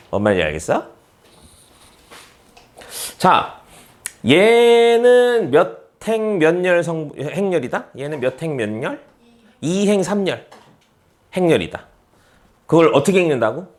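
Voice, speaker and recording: A man teaching a math class, repeating key terms and constantly checking understanding with rhetorical questions he answers himself. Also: fairly high pitch. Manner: answers his own questions, teasing students who skipped class.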